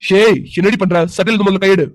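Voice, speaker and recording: A man's voice: sits high, steady tone, rapid-fire, over music, natural voice, rough recording. A man voicing a brash young man who teases and argues but has a kind side. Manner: brash and teasing.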